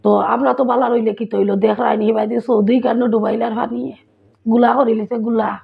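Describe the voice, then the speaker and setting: Sylheti-accented woman vlogger, raspy, phone-line quality. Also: on the high side, flat delivery, fast talker. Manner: chatty, asks listeners if they follow. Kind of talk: casual vlog chat. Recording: tinny phone-like sound.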